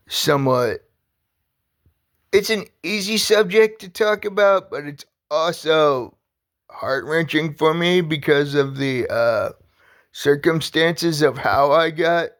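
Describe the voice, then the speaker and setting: A man talking casually on his own vlog, halting and rambling with many restarts, earnest and heartfelt. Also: fairly high pitch, fairly bright tone, smooth. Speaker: vlogger. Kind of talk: casual personal vlog talk.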